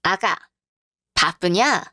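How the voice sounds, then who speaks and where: A woman's voice: on the low side, lively intonation, very slow, sharp tone, no echo, studio quality, heavily acted. A woman voicing a domineering older mother-in-law who scolds harshly and commands. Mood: apologetic.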